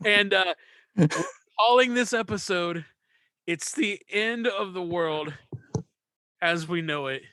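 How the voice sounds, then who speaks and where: A man's voice: on the high side, sharp tone, no room sound. A man from West Virginia hosting a podcast, upbeat and laughing often as he chats casually. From West Virginia, USA. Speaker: podcast host.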